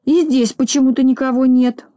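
A woman's voice: high-pitched, normal speed, no echo, voice pushed up, close to an everyday voice. A woman voicing a bossy, hot-tempered little boy. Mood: puzzled. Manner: bossy, scolding, easily excited. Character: boastful, quick-tempered little boy shorty.

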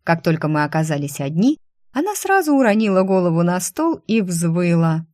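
A woman reads a first-person audiobook with lively expression. Her voice sits a little low. The recording is close and dry, with no room echo. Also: moderate pace. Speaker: audiobook narrator.

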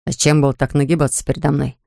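A man doing a pampered, amorous young man in a storybook reading, his voice pitched low and murmuring. The sound is close and dry, with no room around it. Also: little pitch movement, quick pace, creaky, a little mellow, no room sound. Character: amorous wealthy young man, playful, indulgent. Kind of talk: audiobook character reading.

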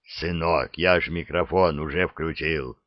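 A man voicing a gruff, wise old male dragon in an audiobook, in a dull dry recording. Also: very deep voice, steady tone, measured pace, no room sound, voice pushed down. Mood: grumbling.

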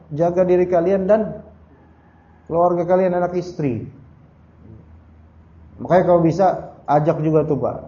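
A man with a somewhat high but mellow, dark-toned voice gives a religious study lecture. He quotes Arabic verses and explains them in a chatty way, turning to his listeners as "Pak" and tagging his lines with "ya". The echoey room and dull, lo-fi recording muffle the sound. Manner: conversational, tags sentences with "ya" and addresses listeners as "Pak". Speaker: Islamic teacher.

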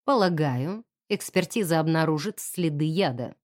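Courteous detective, quiet and measured, lowered voice, played by a woman narrator, audiobook. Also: expressive, no room sound, studio quality. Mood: calm polite. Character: calm polite male police inspector.

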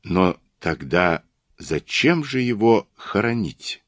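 A man reading the part of a shrewd, gentle older detective who speaks softly and in a measured, knowing way. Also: low-pitched, big pitch swings, husky, no echo, heavily acted.

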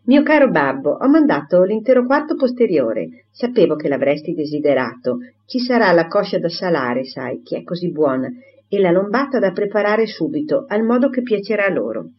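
A woman reading a curious young gentlewoman. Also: lowish voice, very animated, moderate pace, dull audio. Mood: gentle.

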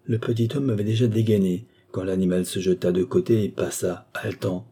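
Low, husky male storyteller. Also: fairly even intonation, brisk, dark tone. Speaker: narrator. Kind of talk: audiobook reading of a fantastic tale.

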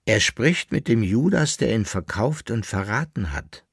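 A weary old emperor speaks slowly and mildly, with a low, measured voice, as a male narrator reads him. The sound is close and dry. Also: animated, gravelly, slightly rough, no echo, exaggerated voice. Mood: patient.

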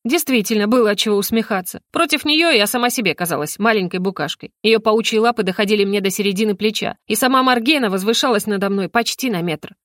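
A woman's voice: mid-range voice, quick pace, few pauses, a bit bright, no echo, studio quality. A woman narrating a fantasy audiobook in the first person, reading expressively.

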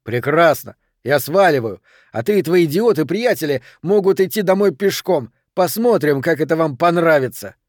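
A brash, hot-tempered young man who blusters and snaps, voiced by a male audiobook reader. The voice sits a touch high and dry, pushing hard on every line. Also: animated, normal speed, darkish tone, no room sound. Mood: furious.

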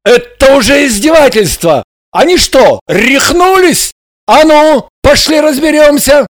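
A man voicing a hot-tempered young man who shouts and barks, a little away from the mic. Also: extremely high pitch, expressive, unhurried, no room sound, clean studio sound, voice pushed up. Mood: furious. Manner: shouting, barking.

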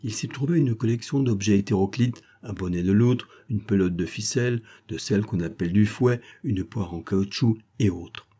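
Low husky male audiobook narrator. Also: normal speed, hardly any pauses, dark tone. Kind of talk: scripted narration.

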